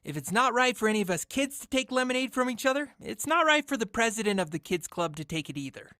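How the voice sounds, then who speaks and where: Young boy, cartoon, eager, earnest, bright tone, highish pitch. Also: expressive, fast, no echo, clean studio sound. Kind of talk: animated cartoon dialogue.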